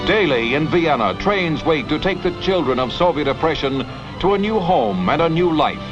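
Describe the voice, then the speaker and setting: A man's voice: on the high side, animated, moderate pace. A man giving scripted, emphatic newsreel narration, heard as an old newsreel soundtrack. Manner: dramatic, emphatic announcer delivery. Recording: dull lo-fi vintage newsreel audio with music. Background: music.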